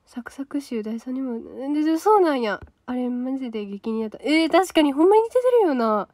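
A young woman with a Kansai accent hosts a solo livestream and reads viewer comments aloud in a loose, chatty way. Her voice sits a little high. The sound is close and dry, with no room around it. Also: expressive, a little fast, a little mellow, no echo. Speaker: idol trainee livestream host.

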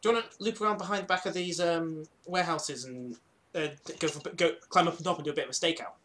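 A young man playing a tabletop game, asking halting questions with lots of restarts. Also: fairly high pitch, a bit bright, slight background noise. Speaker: player.

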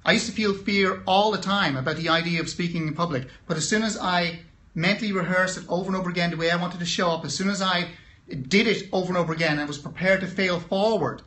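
A man's voice: sits high, fairly quick, bright, forceful tone. A man, a mindset coach, giving an emphatic, encouraging motivational talk on a phone livestream.

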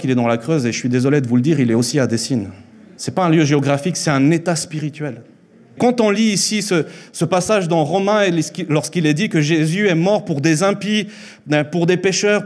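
In a church hall, a man in his thirties who was born in Mexico and grew up speaking Spanish preaches an earnest sermon into a handheld mic. He slows down on key lines and repeats phrases for emphasis, his voice slightly high and a little mellow.

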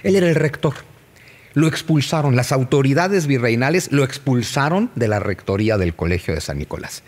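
Talking at a moderate pace in a mid-range voice, a Mexican-accented man walks through history in an easygoing conversation. He stays animated, often posing rhetorical questions to whoever is listening.

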